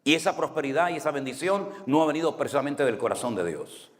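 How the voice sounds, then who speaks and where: A man's voice: a little high, lively intonation, fast talker. A man from Spain with a Canary Islands accent, a pastor giving a conversational sermon full of anecdotes and asking the congregation "right?" often. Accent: Canary Islands Spanish. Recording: long hall reverb.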